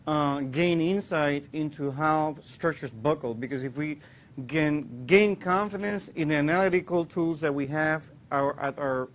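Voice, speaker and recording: A man's voice: fairly high pitch, a little slow. A man from Puerto Rico, in his thirties, giving a classroom engineering lecture, explaining with many fillers and restarts. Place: lecture hall.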